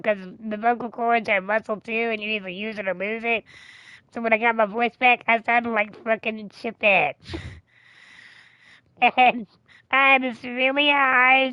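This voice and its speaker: A woman chats on a live stream, telling a personal story in a candid way and swearing freely. Her voice is smooth and resonant. The sound is dry and a little dull. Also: a little high, no room sound. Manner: chatty and candid, swears freely, laughs often.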